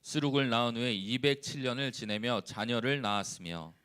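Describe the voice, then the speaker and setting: A man who is a church evangelist, leading a responsive scripture reading and then preaching calmly with frequent hesitations. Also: mid-range voice, clean tone. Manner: calm, unhurried, with frequent hesitations.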